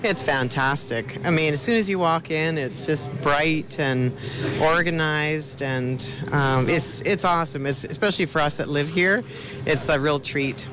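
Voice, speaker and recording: A woman's voice: low voice, unhurried, music in the background. A woman giving casual answers in a live interview. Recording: busy crowd on location.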